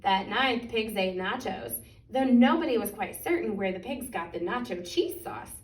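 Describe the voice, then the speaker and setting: A woman reads a picture book aloud for children in an expressive, deliberate way, stretching out key words. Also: mid-range voice. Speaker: children's story reader. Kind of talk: animated picture-book storytime reading. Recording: echoey room, distant microphone.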